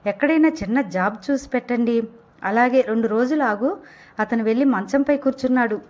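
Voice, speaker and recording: A woman reads a novel aloud in a fairly high voice, voicing each speaker's dialogue in her own plain tone. She stumbles now and then and corrects herself as she reads. The recording sounds dull and lo-fi. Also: a little mellow. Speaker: audiobook narrator.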